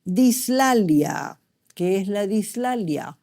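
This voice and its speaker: A woman's voice: medium pitch, lively intonation, drawn-out words, mellow. A middle-aged woman gives a medical lecture, asking the class questions and checking in with them often.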